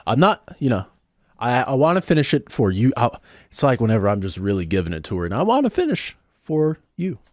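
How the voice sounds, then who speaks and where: A man rambles through sarcastic, mock-serious commentary on a video. His pitch swings animatedly between high jabs and low muttered asides. The sound is dry and close. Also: huge pitch swings, brisk, a little mellow, no room sound. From Southern United States. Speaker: reaction video host. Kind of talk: sarcastic commentary over a clip.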